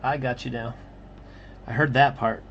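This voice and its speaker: Hosting a laid-back livestream while he draws comics, this man talks in a halting way with co-hosts we never hear. His voice is medium-pitched and gravelly, the highs are cut off, and there's slight background noise.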